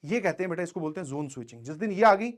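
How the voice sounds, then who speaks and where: A man's voice: fairly high pitch, animated, racing. A male teacher giving students a conversational motivational talk, telling stories from his own student days and often checking that they follow. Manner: conversational, keeps checking in with listeners; tells personal anecdotes.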